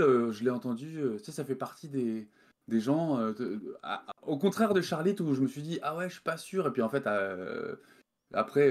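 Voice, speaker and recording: A man's voice: medium pitch, darkish tone. A man from France, a game developer guest, talking casually in an interview over a video call, hesitant with many fillers and restarts.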